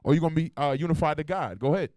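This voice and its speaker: High-voiced blunt street preacher man. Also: rapid-fire, a little mellow, dry recording. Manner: blunt, slangy, profane, fires rhetorical questions at the room. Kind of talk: street-style sermon. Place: church meeting hall.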